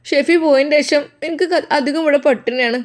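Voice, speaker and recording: A woman's voice: high-pitched, brisk, close to an everyday voice. A woman voicing a young daughter-in-law who complains tearfully, speaking with a Malappuram Malayalam accent. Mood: whining. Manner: tearful, whining, accusing.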